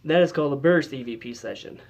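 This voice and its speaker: A man's voice: on the high side, quick pace, lo-fi sound. A man giving a casual how-to demonstration as a paranormal investigator, explaining in a loose, chatty way with lots of fillers.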